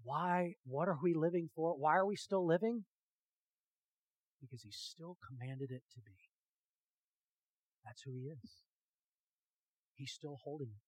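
A man preaching a sermon with emphatic rhetorical questions, swinging from hushed to loud and talking directly to his congregation. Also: fairly high pitch, measured pace, long pauses, husky, no room sound, poor audio. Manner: talks with the congregation, asks them questions. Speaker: pastor.

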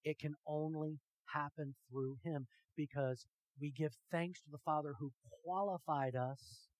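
A man's voice: a little high, steady tone, a little slow, no echo, poor audio. Preaching man, rhetorical questions. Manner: emphatic preaching, rhetorical questions, swings from hushed to loud; talks with the congregation, asks them questions. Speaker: pastor. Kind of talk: sermon.

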